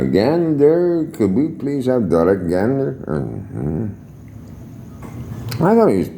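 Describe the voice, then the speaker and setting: A man's voice: sits low, gravelly. Salty older man telling a story. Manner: salty, swears freely, chuckles, lively storyteller. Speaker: retired air traffic controller. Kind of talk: casual storytelling to camera.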